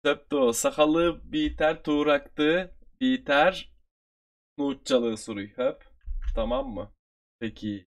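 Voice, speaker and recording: A man with a Turkish accent, from Turkey, teaching an online review lesson and repeating phrases slowly for his learners. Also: fairly high pitch.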